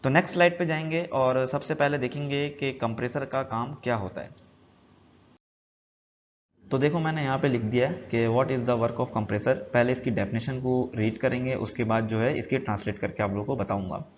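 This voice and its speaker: A man's voice: medium pitch, normal speed. Male instructor, plain mid voice, explanatory slide lesson, faint hiss. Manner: repetitive, explanatory, mixes English terms into Hindi. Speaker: HVAC instructor. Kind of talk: slide-based technical lesson. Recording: dull lo-fi sound with faint noise.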